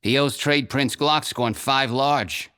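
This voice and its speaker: A terse, streetwise goblin fixer, as a man puts him on, with a bright, sharp edge to his voice. He speaks in short, gruff lines. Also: mid-range voice, fairly even intonation, slow pace, voice pushed up.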